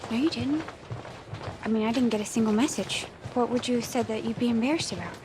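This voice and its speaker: An actress as a fast, high, puzzled woman. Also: lightly acted. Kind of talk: television comedy-drama acting. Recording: clear background noise.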